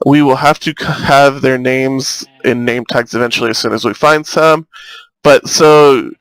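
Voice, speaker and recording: A young gaming YouTuber with a slight lisp chats casually through let's-play commentary, rambling and getting excited easily. His medium-pitched voice is clear and resonant, a little slow, with no echo. The audio is poor, recorded on a cheap earbud mic that sounds thin and robotic.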